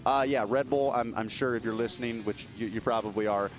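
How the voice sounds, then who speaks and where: A man's voice: medium pitch, fairly even intonation. A young man doing live race commentary from an announcers booth, chatty and joking. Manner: chatty, joking, fast-talking. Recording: noisy outdoor race broadcast.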